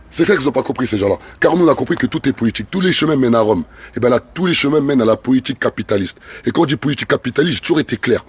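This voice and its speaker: A man's voice: mid-range voice, breathy edge. A French man speaking as a fervent activist, delivering an impassioned political speech in repetitive, rising emphatic bursts. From France.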